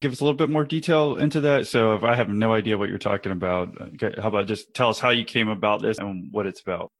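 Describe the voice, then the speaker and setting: A man's voice: lowish voice, fast talker. A man asking casual questions as an interview host.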